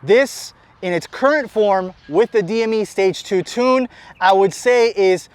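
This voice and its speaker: An American man with an energetic, enthusiastic manner, talking fast and unscripted as he presents a car outdoors on a city street. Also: sits high, clean tone. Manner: energetic, enthusiastic, talks fast in long run-on sentences. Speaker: shop owner presenting a car.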